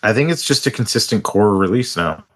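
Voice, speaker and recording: A man co-hosting a casual podcast, speaking in a relaxed, measured way with dry humor. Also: lowish voice, slight background noise. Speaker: podcast co-host. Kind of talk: casual chat.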